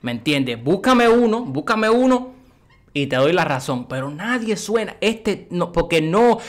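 Excitable man reacting to music. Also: high-pitched, a little slow. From Cuba. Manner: excitable, swears, keeps asking "you know what I mean". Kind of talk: casual reaction commentary.

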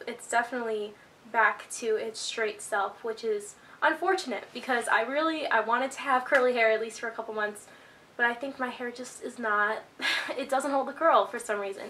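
A woman's voice: fairly high pitch, a bit bright, slight background noise. A woman of twenty-one chatting to camera in a rambling life-update vlog, a little out of breath from being sick. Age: 20s. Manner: chatty, rambling, filler-heavy. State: slightly out of breath from illness. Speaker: YouTuber.

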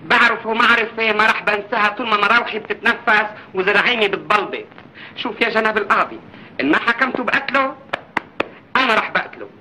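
An actor playing a middle-aged, aggrieved landlord with a Levantine accent, scolding and rambling indignantly in an old film comedy. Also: male voice, high voice, fast talker, bright, forceful tone. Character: blustering, stout, aggrieved landlord, comically long-winded. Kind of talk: 1940s film comedy acting. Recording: noisy old film soundtrack.

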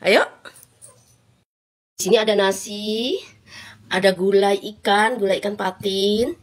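A woman's voice: medium pitch, steady tone, slow pace. A woman in her thirties from Indonesia chatting casually to her viewers as a food vlogger, recorded on a phone at home. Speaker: mukbang vlogger. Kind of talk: casual vlog chat to viewers. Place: indoors, living room at home. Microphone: phone at arm's length.

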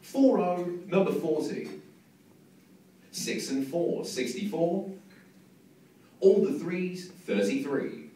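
A young man works as a bingo caller, chanting numbers in measured, repeated phrases. His voice sits a little high and booms with heavy echo through a big hall's PA. It is picked up from a distance. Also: expressive, dark tone. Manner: measured sing-song number calls, each repeated. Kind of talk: bingo calling over a hall PA, numbers in set rhythmic phrases. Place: large indoor bingo hall. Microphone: PA sound picked up by a distant camera. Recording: echoey PA, distant mic, faint hall noise.

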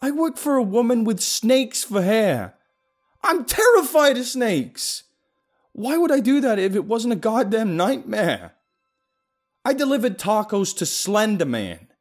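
A man voicing a paranoid young man who shouts frantically. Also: high voice, sing-song, a little slow, soft background music, pitched above the performer's own voice, full character voice. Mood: panicked.

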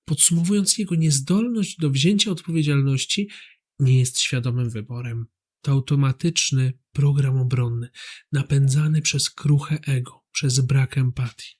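A man, the host of a psychology channel, giving scripted narration in a calm voice and speaking straight to the listener. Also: mid-range voice, measured pace.

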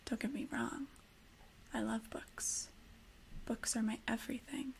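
Woman acting a hushed, creaky, obsessive librarian in whispered role-play. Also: on the high side, steady tone. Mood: intimate, insistent. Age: young adult. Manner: hushed, slow, intimate librarian whisper with pauses. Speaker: ASMR performer playing a librarian.

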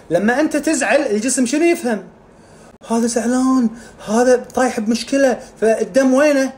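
Fast-talking man. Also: high voice. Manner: animated, acts out scenes with sound effects. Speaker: integrative medicine specialist. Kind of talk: casual health explainer.

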